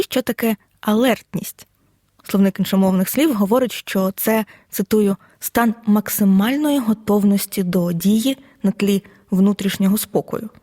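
A woman teacher giving a scripted audio lesson, explaining in a measured way and reading examples out one by one. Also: mid-range voice, warm tone, no echo, studio quality. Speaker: Ukrainian language teacher.

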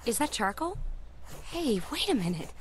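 A woman's voice: high voice, sing-song, slight background noise. An actress playing an eager, inquisitive young woman explorer in an action video game. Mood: curious. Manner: inquisitive, quick questions. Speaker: game character, treasure-hunting companion. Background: game music.

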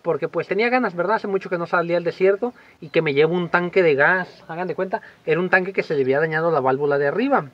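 A man's voice: on the high side, fast, few pauses, muffled recording. A man, animatedly telling a personal story to the camera in a casual vlog, acting out voices. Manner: animated, acts out voices and shouts in his stories. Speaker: vlogger.

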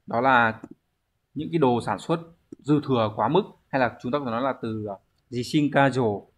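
A man's voice: mid-range voice, fairly quick, a bit bright. A man, teaching a language exam review lesson, explaining step by step and answering his own questions.

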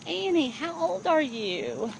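High-voiced woman, coaxing and amused. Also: big pitch swings, slow, creaky. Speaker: caregiver filming and soothing a teenager. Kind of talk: casual chat. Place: outdoors, then inside a car. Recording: faint noise, handheld phone recording.

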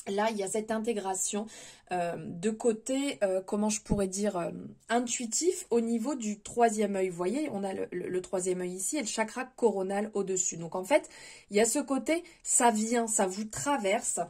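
A woman's voice: medium pitch, moderate pace. Hesitant woman giving a tarot reading. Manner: hesitant, many fillers and restarts; gentle, advising. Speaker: tarot reader. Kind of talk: spontaneous spiritual tarot reading.

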